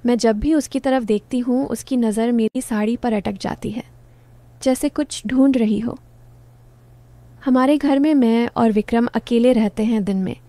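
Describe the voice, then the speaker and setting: Warm-voiced woman telling a story. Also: fairly high pitch, dry recording. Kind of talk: scripted first-person story narration.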